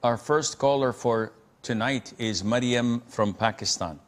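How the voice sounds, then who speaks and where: A man speaking like a preacher, measured and deliberate, as he hosts a religious advice call-in show. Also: medium pitch. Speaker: host answering callers' religious questions.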